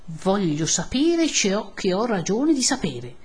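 A woman voicing an angry young peasant man who makes forceful demands. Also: medium pitch, sing-song, takes it slowly, husky, exaggerated voice. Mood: demanding, angry. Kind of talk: audiobook character voice.

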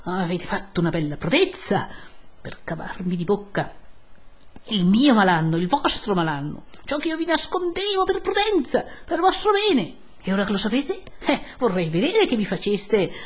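A woman's voice: medium pitch, expressive, slow pace, breathy edge, full character voice. A woman voicing an elderly, timid male country priest who pleads and scolds in a fretful way. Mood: scolding, aggrieved. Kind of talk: audiobook character voice.

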